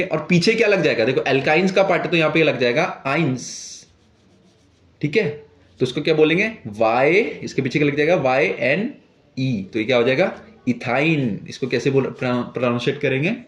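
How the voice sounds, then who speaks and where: A young male chemistry teacher gives a classroom lesson in a fairly high voice. He puts questions to his students and answers them himself, checking in again and again. The sound bounces around an echoey room.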